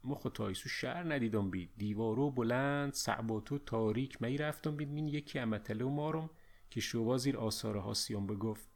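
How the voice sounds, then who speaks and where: A man narrating a first-person story in dialect with steady, reflective storytelling. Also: mid-range voice. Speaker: audiobook narrator.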